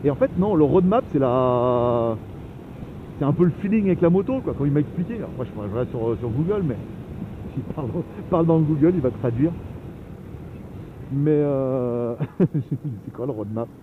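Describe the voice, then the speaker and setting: Chatty French man riding into loud wind. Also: mid-range voice, animated, moderate pace. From France. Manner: chatty, rambling, laughs often. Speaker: motovlogger. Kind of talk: casual riding commentary. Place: on a motorbike on the open road. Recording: phone-like sound, loud wind noise.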